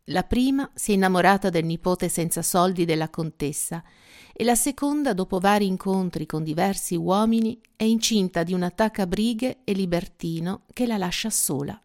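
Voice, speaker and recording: A woman hosting a literary segment, introducing and summarizing a novel in clear, even scripted narration. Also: on the low side, moderate pace. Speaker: host of a book segment. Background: faint music.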